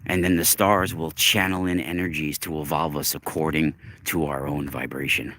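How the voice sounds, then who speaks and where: A man's voice: rumbling low, steady tone, moderate pace, bright, forceful tone, dry recording. A man talking casually to his livestream viewers while walking outdoors, musing earnestly and stretching words for emphasis. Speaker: livestream host. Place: outdoors, walking in snow along a road.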